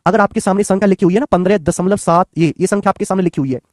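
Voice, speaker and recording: Male math tutor, high voice, close and dry sound, patient and repetitive with students. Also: rapid-fire, a little mellow, no echo. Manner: coaxing, repetitive, addresses students as children and friends. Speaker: math teacher. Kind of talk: online exam-prep lecture.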